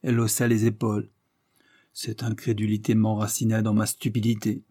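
A man narrating a classic novel as an audiobook with steady storytelling. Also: fairly low pitch, moderate pace, dry recording, studio quality.

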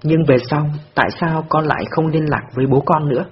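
A man's voice: on the high side, fairly even intonation, a little fast, slightly rough. A man voicing a patient, firm policewoman who talks earnestly with a frightened child. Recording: dull lo-fi recording.

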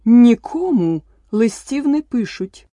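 A woman voicing a pompous, flustered old male king in an audiobook, speaking slowly and ponderously. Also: a little high, very animated, dark tone, no echo, voice pushed up. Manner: slow and ponderous. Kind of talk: audiobook character voice.

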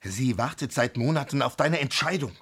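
A good-natured nobleman in a radio drama, who presses his case with earnest persuasion. His voice sits at a middle pitch and has a slightly husky grain. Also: lively intonation, moderate pace, a bit bright. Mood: pleading. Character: pleading, good-natured nobleman, brother-in-law.

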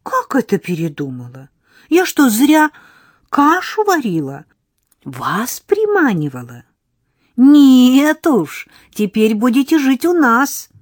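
A woman's voice: mid-range voice, wildly swooping pitch, slow, breathy edge, no echo, clean studio sound, voice pushed up, heavily acted. A woman reading an audiobook voices a cheeky, chattering little village girl who is sly and bossy. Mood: lively. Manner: giggly, chattering, mock-serious. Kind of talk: audiobook character voice.

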